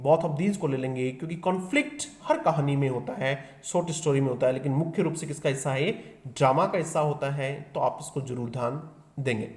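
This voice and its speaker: A man's voice: fairly high pitch, reverberant. A male teacher with an Indian accent, explaining exam questions in a drilling style and mixing in English terms. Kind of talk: exam prep lesson.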